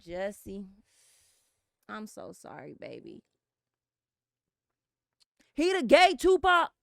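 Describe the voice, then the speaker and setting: A woman with an Inland Empire California accent, co-hosting a casual talk show. Her voice is smooth and clear, with a lively pitch that leaps around while she tells loud, animated stories. The sound is dry and close. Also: slow, dry recording. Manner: loud, animated storytelling with big voice swings. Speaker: podcast co-host. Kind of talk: casual comedic chat.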